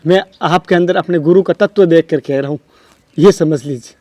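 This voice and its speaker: A man's voice: on the high side, normal speed, a little mellow, no echo. A man, a devotee, pleading tearfully with a holy man.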